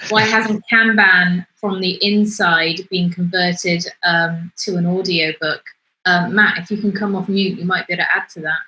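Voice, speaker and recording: A woman's voice: fairly low pitch, steady tone, moderate pace, bright, forceful tone, highs cut off. A woman moderating questions on a video call meetup, friendly as she reads them out.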